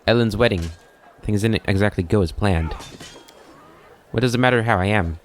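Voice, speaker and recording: A man's voice: fairly low pitch, moderate pace, a little hiss or hum, natural voice. A man reading the lines of a grieving woman paladin who bitterly mocks herself. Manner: bitter, self-mocking.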